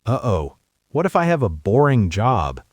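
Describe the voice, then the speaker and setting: Animated, comic American man. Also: lowish voice, normal speed, slightly rough, no room sound, clean studio sound. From United States. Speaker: learner in a lesson dialogue. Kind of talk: scripted conversation lesson.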